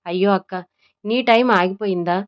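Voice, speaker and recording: Woman doing a cheeky five-year-old girl from an audio story, smooth but muffled. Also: medium pitch, a little fast, close to an everyday voice. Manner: teasing, cheeky. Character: cheeky little girl of five, quick with comebacks.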